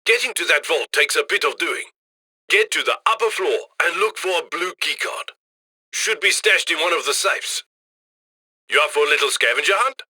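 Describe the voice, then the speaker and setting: Here a man performs a full character voice as a cheerful heist handler guiding a robbery crew in a video game. A little high in pitch, bright and forceful, he uses lively intonation at a moderate pace, with no room sound. The mission voice lines come across brisk and scheming, chummy, cheeky, colloquial and gleeful about the loot.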